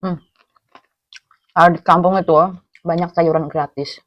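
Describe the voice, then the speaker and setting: A woman with a low voice and a Javanese accent from Cilacap chats casually through mouthfuls of food. She hums between phrases as she eats, and the sound is close and dry. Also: steady tone, unhurried, no echo. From Cilacap, Central Java, Indonesia. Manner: talks with mouth full while eating, with savouring hums. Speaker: food vlogger. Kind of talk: casual eating chat, mukbang.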